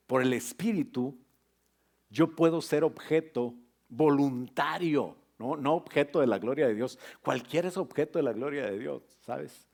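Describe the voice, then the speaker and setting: A middle-aged male pastor preaching a sermon, lively and joking with his congregation. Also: medium pitch.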